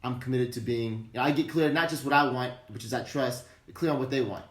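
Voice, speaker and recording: A man's voice: medium pitch, quick pace. A man speaking as a podcast guest, candid and emphatic, swearing freely as he opens up about his mistakes as a father. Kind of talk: candid interview talk. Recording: roomy echo.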